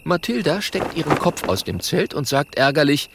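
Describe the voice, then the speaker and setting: Man reading a children's story, very animated. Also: on the high side, moderate pace, vocal fry, noisy background. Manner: animated, expressive. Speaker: narrator.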